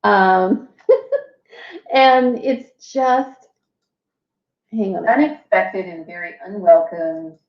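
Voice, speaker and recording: A woman's voice: medium pitch, extremely slow, long pauses, roomy sound, muffled recording. A woman hosting a casual livestream walkthrough, chatting with many fillers and asides. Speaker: host.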